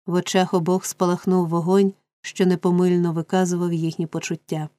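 A woman narrating a classic novel as an audiobook, in a measured, expressive storytelling manner. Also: fairly low pitch, dry recording. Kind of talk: scripted narration.

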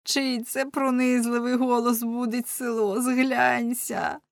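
A woman voicing a wounded old male werewolf fishmonger who begs for mercy in a slow, wailing voice. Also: on the high side, flat delivery, creaky, no room sound, studio quality, voice pushed up. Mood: begging.

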